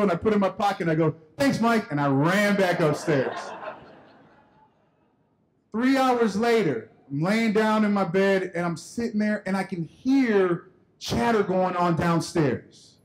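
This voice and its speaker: Keynote speaker, man, high voice, animated storytelling that acts out the dialogue. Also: moderate pace, slight background noise, rough recording. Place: conference hall stage.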